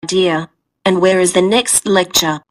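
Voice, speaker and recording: A woman's voice: fairly low pitch, steady tone, unhurried, lightly acted. A woman playing an agreeable college student in a scripted exam dialogue. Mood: agreeable, informative.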